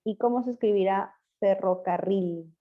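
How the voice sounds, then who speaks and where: A woman teacher giving an online language class, patiently quizzing her pupils and spelling words out slowly. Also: medium pitch. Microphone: video call. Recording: muffled lo-fi video call audio.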